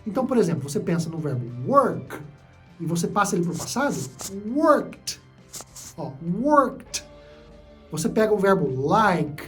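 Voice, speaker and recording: Lively, mellow-voiced male English teacher. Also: sits high. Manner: explanatory, repeats key points, frequent "né?" and "tá?" checks. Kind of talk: online English lesson.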